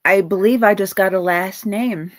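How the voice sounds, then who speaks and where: A woman hosting a live psychic reading, talking in a halting way and searching for words. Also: medium pitch. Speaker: psychic medium host.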